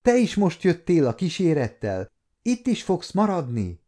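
A man's voice: mid-range voice, expressive, warm tone, lightly acted. A man voicing a tearful, defiant young girl who works as a kitchen maid, speaking in a raised, pleading voice. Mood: tearful joy.

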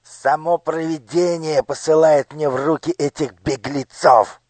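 A man voicing a cruel male minister with a squeaky, shrill voice in an audiobook. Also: measured pace, no room sound, close to an everyday voice. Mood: furious. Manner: menacing, shouting threats. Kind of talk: audiobook character voice.

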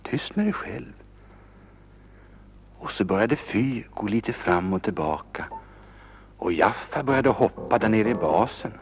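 A man reading a children's story aloud, lively and expressive, sometimes dropping to a whisper. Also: fairly low pitch. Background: instrumental music.

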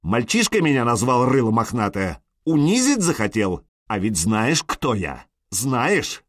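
A man's voice: mid-range voice, very animated, unhurried, no room sound, studio quality. Man voicing a brash, fierce young warrior. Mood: defiant. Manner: fierce, taunting, shouts insults. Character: hot-tempered young male warrior, brash and mocking. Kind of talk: audiobook character voice.

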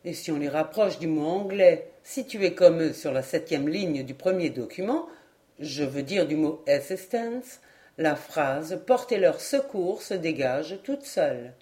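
A woman's voice: sits low, expressive, unhurried, mellow. A woman reading the part of a young, respectful ship captain patiently explaining a puzzle in an audiobook.

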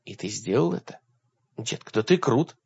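Thrill-seeking young woman read by a man, soft, pleading, gravelly undertone, dull lo-fi sound. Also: mid-range voice, animated, moderate pace, heavily acted. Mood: coaxing. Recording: dull lo-fi recording.

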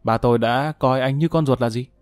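A man's voice: medium pitch, brisk, no room sound, lightly acted. A man voicing a contemptuous, angry estranged wife in an audiobook, with cutting delivery. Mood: scornful.

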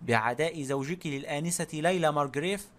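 A man's voice: on the high side, quick pace, fairly bright tone, natural voice. Man reading as a proud little detective. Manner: dry, self-assured. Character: proud little male detective, grave and courteous.

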